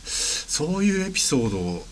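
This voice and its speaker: A man's voice: a little high, sing-song, moderate pace, a little hiss or hum. A man, a drummer co-hosting a podcast, leading a casual chat in an easygoing way and laughing along.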